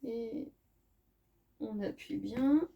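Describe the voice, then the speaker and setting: A woman's voice: on the high side, very slow, vocal fry, warm tone, slightly rough. Chatty woman with many fillers. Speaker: scrapbooking crafter. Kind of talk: casual craft tutorial.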